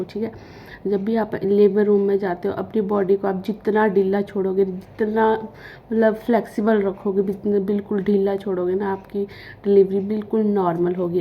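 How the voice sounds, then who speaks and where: A woman's voice: mid-range voice, highs cut off, a little hiss or hum. A young woman telling her childbirth story in casual, rambling talk with many fillers and restarts, a week after giving birth. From Himachal Pradesh. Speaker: vlogger.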